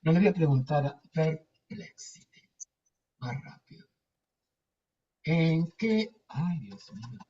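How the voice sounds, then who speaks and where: A man's voice: on the high side, big pitch swings, unhurried, warm tone, husky, distant mic, dull audio. A man, chatting casually with a group, rambling and searching for words. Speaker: lecturer.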